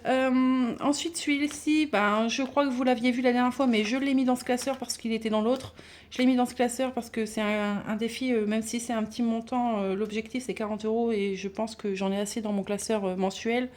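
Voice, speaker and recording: A woman vlogging casually about her budget binders, chatty and halting with many fillers and restarts. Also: a little high, fairly even intonation, darkish tone. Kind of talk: casual chat showing binders.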